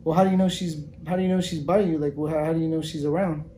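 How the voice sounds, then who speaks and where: A man's voice: fairly high pitch, steady tone, rapid-fire, dark tone, a little hiss or hum, close to an everyday voice, poor audio. A man in his thirties playing a casual, colloquial young father in an amateur family fantasy skit. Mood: curious, puzzled. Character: young dad humoring then panicking over his daughter.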